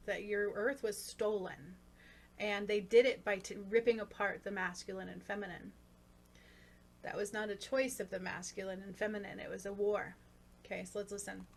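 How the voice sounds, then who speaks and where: Female spiritual commentator, casual explainer, even mid-range voice, faint noise behind her. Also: medium pitch, moderate pace, creaky. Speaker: spiritual commentator on own session. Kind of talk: casual spoken commentary on a recording. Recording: faint constant background noise.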